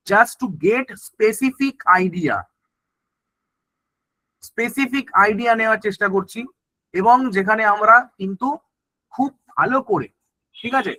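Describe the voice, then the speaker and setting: Bright, high-voiced man teaching a class. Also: no echo, low-quality recording. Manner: explains in Bengali mixed with English terms, checks understanding with "ঠিক আছে?". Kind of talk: exam-prep lecture.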